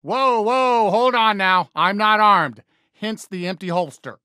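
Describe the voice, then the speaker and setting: A man voicing a friendly toy cowboy sheriff for a video game, with an American accent and a folksy, eager, expressive drawl. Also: sits high, a little slow, clean tone, no echo, studio quality. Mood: alarmed, reassuring. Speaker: video game character greeting players. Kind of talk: animated game voice lines.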